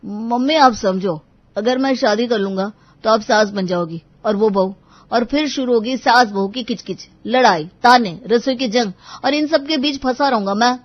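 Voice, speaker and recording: A woman's voice: fairly high pitch, moderate pace, no echo, natural voice. Woman voicing a jumpy young man dodging marriage talk, defensive, lo-fi. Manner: defensive, joking, dodging questions.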